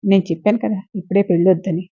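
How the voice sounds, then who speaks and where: A woman voicing a hurt, withdrawn young wife who answers quietly and tiredly, in a dull lo-fi recording. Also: mid-range voice, steady tone, rapid-fire, husky, no echo, close to an everyday voice. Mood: weary.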